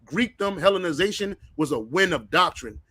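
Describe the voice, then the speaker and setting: A man's voice: high-pitched, expressive, normal speed, sharp tone, breathy edge, dry recording. Fervent man preaching in a dry voice. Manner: preachy, repeats words when starting phrases. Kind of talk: fervent religious discussion.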